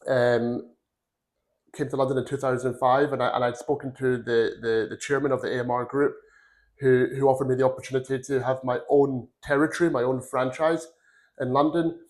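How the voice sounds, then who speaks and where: A man in his forties, from Glasgow, telling his career story as a podcast guest. He rambles in an earnest way, with a voice of middling pitch for a man. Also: level tone, brisk, a little mellow. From Glasgow, Scotland. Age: 40s. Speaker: podcast guest, recruitment firm founder. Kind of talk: casual career interview.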